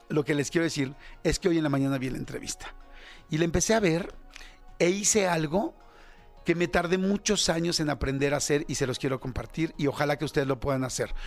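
A Mexican man in his fifties hosts a radio show, talking to his listeners in a loose, candid monologue with plenty of fillers and self-deprecating asides. His voice sits a little high for a man. Soft music plays faintly beneath him. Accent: Mexican Spanish. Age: 50s. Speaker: radio host. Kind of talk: casual reflective monologue.

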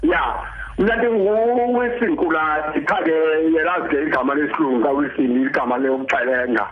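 High-voiced Xhosa-accented South African man in his sixties. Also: fairly quick, phone-quality sound. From Eastern Cape, South Africa. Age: 60s. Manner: repeatedly checks that the listener follows. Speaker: interview guest, cancer survivor. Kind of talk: conversational personal storytelling.

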